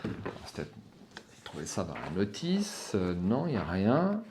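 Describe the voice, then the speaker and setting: A man's voice: low-pitched, huge pitch swings, moderate pace, noisy background. Hesitant, frank man reviewing to camera. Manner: hesitant, many fillers and restarts, swears under breath when stuck; frank and opinionated. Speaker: channel host reviewing a gamebook. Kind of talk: casual spoken review to camera.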